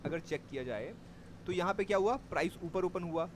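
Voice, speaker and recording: A man's voice: sits high, a little fast, slight background noise. A man teaching a live class on trading, explaining step by step and checking that his students follow. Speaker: stock market trading teacher.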